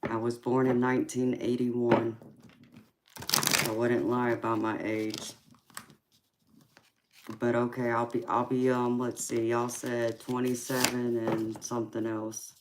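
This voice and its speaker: A woman in her forties from California hosts a relaxed livestream, chatting with viewers and laughing often between remarks. Her voice sits unusually deep and stays flat in tone. Steady background noise and card shuffling are heard behind her. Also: unhurried, pauses often. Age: 40s. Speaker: tarot reader and livestream host. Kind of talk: casual live chat reading viewer comments.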